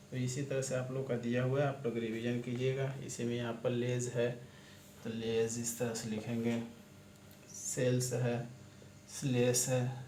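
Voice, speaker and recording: A man's voice: medium pitch, dark tone. A man teaching a shorthand lesson in a casual classroom style, going through examples step by step and repeating himself a lot. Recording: echoey room with faint noise.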